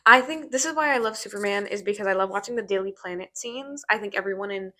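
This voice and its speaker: A woman's voice: mid-range voice, pushed and bright. Rambling woman podcast host. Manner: rambling, filler-heavy, talks fast about movies. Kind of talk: casual chat.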